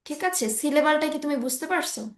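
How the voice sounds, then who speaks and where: A woman's voice: high-pitched, expressive, a little fast. A woman teaching an English class online, explaining patiently and often checking that her student understands. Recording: roomy echo.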